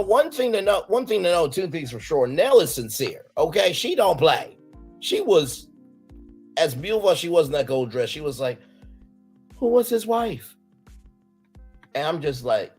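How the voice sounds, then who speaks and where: Male co-host, gossipy and very expressive, faint music bed. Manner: animated, swings from low mutters to loud high exclamations. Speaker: podcast co-host recapping a reality show. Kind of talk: casual gossip chat with impressions.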